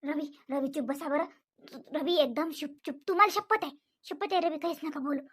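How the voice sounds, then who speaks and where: An anxious young cartoon wife, voiced by a woman, with a high, bright voice that keeps pleading and asking what went wrong. She repeats names over and over to calm everyone down. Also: normal speed. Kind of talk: animated comedy dubbing.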